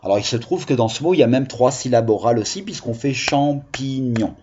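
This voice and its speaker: A man's voice: medium pitch, lively intonation, fast talker, mellow, muffled recording, a little hiss or hum. A male primary school teacher giving a video phonics lesson to young children, patiently sounding out syllables.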